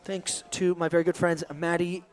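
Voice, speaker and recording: A man giving lively play-by-play commentary at a sports event, with playful banter. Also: sits high, moderate pace.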